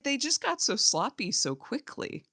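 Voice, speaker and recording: A woman's voice: a little high, very animated, measured pace, sharp tone, dry recording. Woman podcast co-host, casual recap chat, laughs a lot, dry close recording. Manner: laughs often, acts out characters' lines while retelling.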